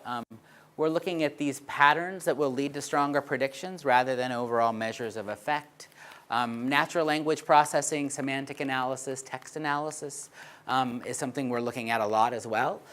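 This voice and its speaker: At a conference presentation, a man of medium pitch and fairly bright tone explains his research charts. His talk is peppered with fillers and repeated "right?" checks.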